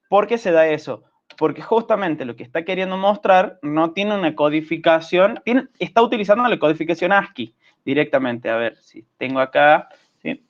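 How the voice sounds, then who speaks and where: A man with an Argentine accent teaches programming, his voice sitting a little high for a man. He explains step by step and keeps checking that the class follows. The sound is dull and lo-fi, like a video call. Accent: Argentine Spanish. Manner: patient, checks understanding with frequent "¿sí?".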